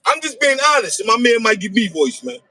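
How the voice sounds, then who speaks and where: A man in a casual livestream chat, taunting in an animated, sing-song way. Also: high voice, a little fast, husky, no echo. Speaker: podcast guest. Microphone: phone livestream.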